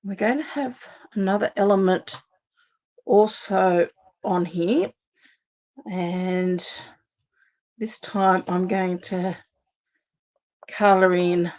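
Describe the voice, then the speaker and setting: An Australian woman hosts a casual live card-making demonstration, chatting and thinking aloud to viewers as she works. Her voice is on the low side and a little worn, since she's slightly losing it, with a darkish tone and fairly even intonation. She speaks slowly with long pauses, and the recording sounds muffled.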